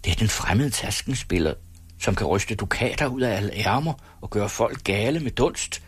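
A man's voice: on the low side, lively intonation, husky. A man voicing a grumbling, disapproving old townsman in an audiobook.

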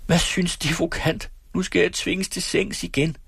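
A man reading aloud voices a distraught, defiant woman patient in an asylum, crying out in shrill, pleading outbursts. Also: husky, dry recording. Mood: protesting.

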